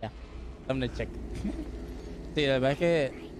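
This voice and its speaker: A man's voice: medium pitch, takes it slowly, noisy background. A man giving live gameplay commentary as a streamer, joking, tossing in English words and yelping when startled. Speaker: gaming streamer.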